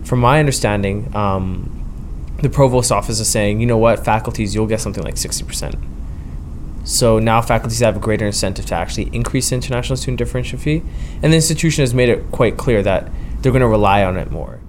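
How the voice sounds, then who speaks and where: A man's voice: lowish voice, fast, slight background noise. A young man, a student union president, explaining in an interview with frequent ums and tag questions.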